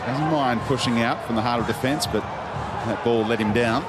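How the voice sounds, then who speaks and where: A man's voice: medium pitch, normal speed. A man giving live football play-by-play commentary in clipped phrases as the game unfolds. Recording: loud stadium crowd noise. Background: stadium crowd.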